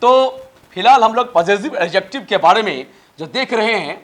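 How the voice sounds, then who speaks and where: High-voiced Indian man teaching English. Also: lively intonation, a bit bright. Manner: spells words letter by letter, slow drawn-out English examples; lecturing, exhorting students to memorize. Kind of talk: spoken English lesson in Hindi.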